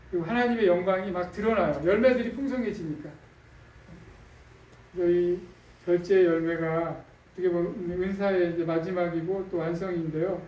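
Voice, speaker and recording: A man's voice: sits high, a little mellow, highs cut off. Guy pastor preaching casual-like, lots of "you know?", kinda far off mic, echoey church. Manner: conversational preaching with frequent fillers and tag questions. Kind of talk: sermon. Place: church sanctuary. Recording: echoey room, distant mic.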